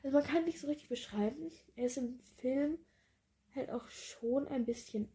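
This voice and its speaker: A woman's voice: high voice, moderate pace, mellow. A woman chatting casually about a book and reading a passage aloud, hesitant and thinking aloud as she goes. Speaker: book vlogger.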